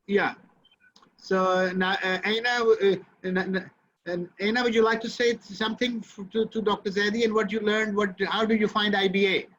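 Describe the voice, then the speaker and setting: A man's voice: sits high, level tone, moderate pace, a bit bright, slight background noise. A man politely introducing students on a video call, calling the host sir. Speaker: course organizer introducing students. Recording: muffled video call audio.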